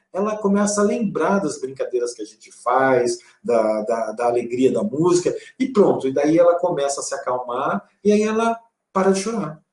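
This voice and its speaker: A man giving a calm, explanatory live talk on parenting, using vivid everyday examples. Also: on the high side, roomy sound. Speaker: co-host and father.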